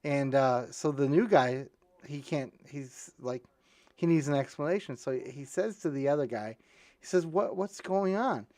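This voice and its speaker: At normal speed and a little mellow, a man on his podcast meanders through a lengthy joke, starting over at times and switching to high-pitched voices when the punchlines land.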